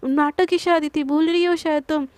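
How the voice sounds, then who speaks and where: A woman's voice: high voice, steady tone, moderate pace, a little mellow, no echo, close to an everyday voice. A woman voicing a stubborn, grumpy young woman who answers with sarcasm, told as a storybook scene.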